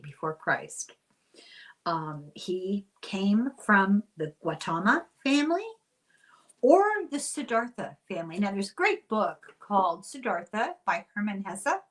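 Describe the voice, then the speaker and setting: A woman's voice: mid-range voice, fairly bright tone, poor audio. Older Irish woman, host of a casual explainer. Chatty and wry, prone to tangents. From Ireland. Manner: chatty, wry, digressive asides.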